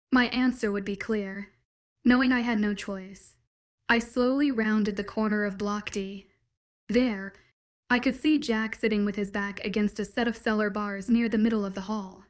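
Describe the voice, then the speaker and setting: A woman's voice: medium pitch, fairly even intonation, normal speed. Wry woman narrating a story. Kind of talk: first-person audiobook narration.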